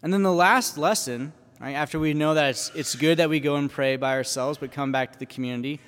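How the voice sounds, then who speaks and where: A man preaching a sermon in an animated, conversational way, full of casual fillers. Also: a little high, brisk, smooth, big-room sound. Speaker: priest. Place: church.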